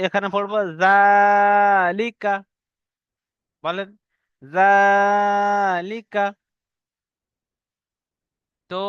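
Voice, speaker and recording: A man's voice: fairly high pitch, a bit bright, clean tone, dry recording, lo-fi sound. A man teaching Arabic letter reading in a recorded online lesson, patiently drilling the rules, asking learners to repeat after him, and stretching out letter sounds as he recites.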